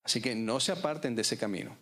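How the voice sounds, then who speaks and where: A male pastor preaches with measured, dramatic pauses. His voice sits at a middle pitch. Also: lively intonation, a bit bright. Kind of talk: sermon.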